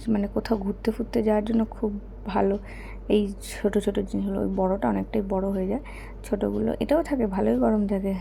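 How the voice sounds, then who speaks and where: A young woman talking softly and hoarsely in a casual chat while showing gifts, keeping her voice low because her son is asleep. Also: a little hiss or hum. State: hoarse, her throat is bad.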